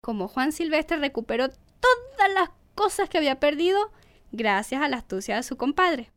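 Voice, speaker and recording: High-voiced woman telling a folk tale. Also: moderate pace. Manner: expressive, repeats words for rhythm. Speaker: storyteller.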